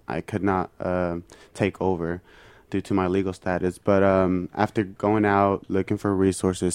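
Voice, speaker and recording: Young male student, low voice, earnest and halting, dry studio mic. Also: darkish tone, clear, resonant tone, dry recording. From Mexico. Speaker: student guest. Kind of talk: interview.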